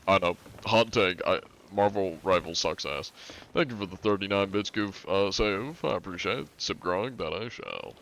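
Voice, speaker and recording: While gaming on a live stream, a man in his twenties from the northern United States rambles, reads chat out loud, and leans heavily on fillers. His voice is low-pitched and fairly bright at normal speed, with slight background noise.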